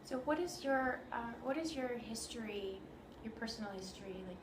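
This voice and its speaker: A woman conducts an interview, asking gentle, curious questions and encouraging her guest with soft affirmations. Her voice is roomy and echoey, with background noise clearly audible. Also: on the high side, expressive, normal speed. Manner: attentive, asks gentle questions, frequent soft backchannels. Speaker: interviewer, violinist. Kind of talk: casual interview. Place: room in New York.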